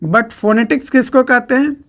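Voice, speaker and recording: A woman's voice: on the high side, normal speed, a bit bright. A woman teaching an exam-prep lecture in speech, counting syllables aloud and repeating each question and answer for her students.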